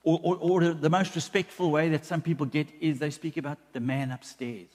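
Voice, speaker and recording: A man's voice: on the high side, steady tone, brisk, darkish tone. Man preaching a sermon in a reverberant church. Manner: repeats words when building a point, acts out quoted voices. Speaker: pastor. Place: church hall. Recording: long church hall reverb.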